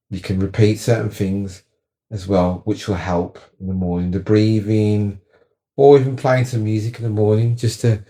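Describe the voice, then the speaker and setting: A man's voice: lowish voice, dark tone. A man giving casual, chatty advice on relaxing, showing the moves as he talks and repeating words for stress. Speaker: wellness coach.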